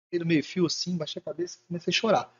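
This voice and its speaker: A man's voice: fairly high pitch, fairly even intonation, rapid-fire. A man guest in an interview, telling his life story casually and acting out quoted dialogue. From Brazil. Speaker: entrepreneur guest. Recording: muffled lo-fi recording.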